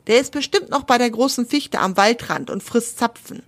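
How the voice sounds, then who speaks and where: A woman's voice: fairly high pitch, animated, normal speed, pitched above the performer's own voice. A woman voicing a sleepy, grumpy female owl woken too early, in a storybook tale. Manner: sleepy complaining.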